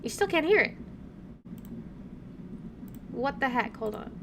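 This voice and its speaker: A woman with a high, sing-song voice speaks slowly as she hosts a casual game playthrough, chatting playfully, reading aloud and tossing in wry asides. She's a gaming video host recording indoors at home, and an air conditioner can be clearly heard running in the background.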